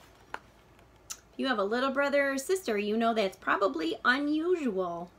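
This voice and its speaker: In a high-pitched voice, a woman reads a children's picture book like a teacher, with dramatic, deliberate, expressive phrasing for young listeners. There's a faint hiss or hum in the recording.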